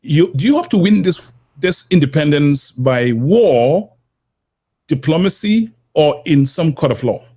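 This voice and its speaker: A man hosting a call-in interview show, asking brisk, probing questions. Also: fairly high pitch, expressive, warm tone, husky. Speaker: talk show host.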